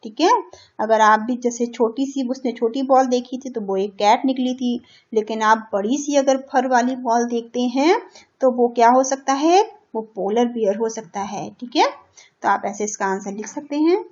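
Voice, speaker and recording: A woman teaching a primary school English lesson. She reads the English lines slowly and loudly, explains each word in Hindi and checks in with "theek hai". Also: a little high. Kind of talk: classroom lesson for young children. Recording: dull lo-fi recording.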